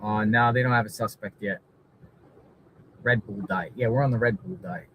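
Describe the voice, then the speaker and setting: A man's voice: lowish voice, normal speed, highs cut off. A man chatting casually on a livestream from a moving car, rambling and repeating himself, like dashcam audio. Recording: dashcam-like audio, loud road noise.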